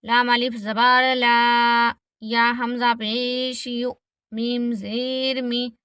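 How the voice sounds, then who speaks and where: Slow, bright-voiced woman teaching recitation. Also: fairly high pitch, flat delivery, clear, resonant tone, dry recording. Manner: spells each letter with its vowel mark, then blends the word; explains reading rules quickly between recitations. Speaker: Quran reading teacher. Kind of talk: slow letter-by-letter recitation lesson.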